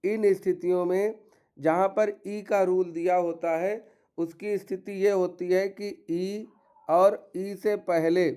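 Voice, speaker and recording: A man's voice: high-pitched, steady tone, takes it slowly, warm tone, smooth. A man teaching English pronunciation rules, explaining step by step and listing example words. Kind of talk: classroom-style pronunciation lesson.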